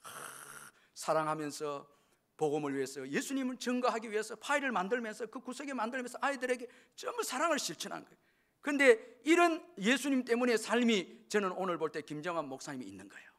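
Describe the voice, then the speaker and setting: A middle-aged male pastor preaching a sermon, repeating key phrases and swinging between loud exhortation and hushed whispers. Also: high-pitched, big pitch swings, a little fast.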